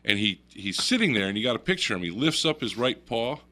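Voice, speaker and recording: A man's voice: mid-range voice, big pitch swings, fast, bright, forceful tone. A man telling a story on a radio talk show, laughing often and acting out the voices in it. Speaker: guest storyteller.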